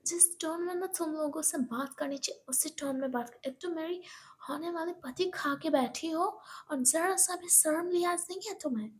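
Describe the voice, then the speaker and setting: A woman voicing a spoiled, insulting rich young woman who scolds in a shrill, scornful voice. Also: normal speed, natural voice. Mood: scornful shouting.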